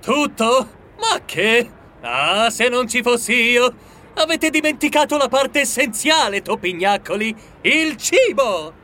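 A man's voice: extremely high pitch, very animated, takes it slowly, pushed and bright, slight background noise, heavily acted. A man doing a cheeky, boastful mouse cousin. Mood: mocking. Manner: boastful, teasing. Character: greedy cheeky male mouse cousin, joker. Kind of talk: audiobook character voice.

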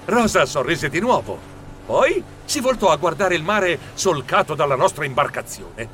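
A man narrates a children's story with theatrical flair. His voice is bright and lively, swinging widely in pitch, and sits a little high for a man. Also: moderate pace, slight background noise. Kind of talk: expressive audiobook narration.

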